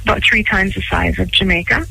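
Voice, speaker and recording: A woman's voice: mid-range voice, fairly quick, creaky, bright, forceful tone, breathy edge, low-quality recording. A Canadian woman working as an airport commercial officer, answering a radio host's questions politely and informatively, with a light laugh. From Canada, Vancouver Island. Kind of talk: phone-in interview on radio.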